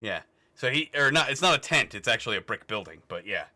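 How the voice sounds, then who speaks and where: Bright, crisp male game master, casual and crude, easy laughs. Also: on the low side, very animated, fast. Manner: casual, swearing, laughing narration. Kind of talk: narrating a tabletop game.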